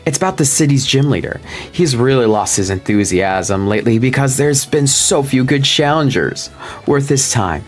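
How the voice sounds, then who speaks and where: A man's voice: medium pitch, lively intonation, moderate pace, faint music behind, close to an everyday voice. A man voicing a laid-back, friendly young male fire-type trainer from a video game, reading the game's dialogue aloud.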